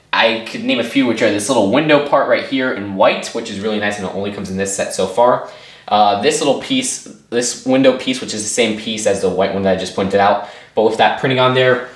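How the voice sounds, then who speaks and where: Low-voiced man reviewing toys, roomy echo. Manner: rambling, upbeat, lots of fillers. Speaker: toy set reviewer. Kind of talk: casual product review.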